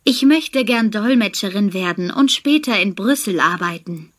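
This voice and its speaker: Woman playing a young au pair, friendly, clear, careful, scripted exam dialogue. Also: mid-range voice, lively intonation, normal speed, natural voice. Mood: pleasant. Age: young adult. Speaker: interviewee in a language exam recording.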